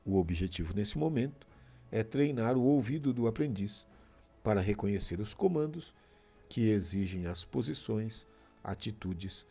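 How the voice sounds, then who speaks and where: A man narrating a training lesson in a slow, measured scripted read. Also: fairly low pitch, vocal fry, mellow.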